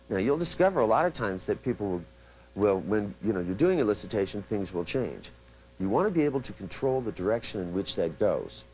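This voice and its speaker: A man's voice: lowish voice, a little hiss or hum, poor audio. A man giving a live seminar lecture as a trainer, talking loosely with many restarts and asides, and acting out quoted people as he tells his stories. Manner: animated storyteller who acts out quotes.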